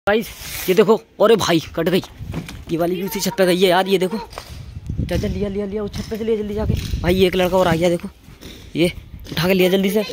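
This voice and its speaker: With a high-pitched, darkish voice and steady tone, a young vlogger narrates at a moderate pace, leaving long pauses. He's on open rooftops, recorded handheld amid outdoor noise, chatting informally, addressing viewers as friends and repeating phrases.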